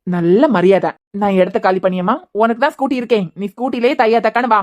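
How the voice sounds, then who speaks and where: A woman's voice: medium pitch, quick pace, very noisy, close to an everyday voice. Patient cartoon husband, playful and pleading, Kanyakumari Tamil accent, played by a woman. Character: teasing patient young husband. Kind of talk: cartoon web series voice acting.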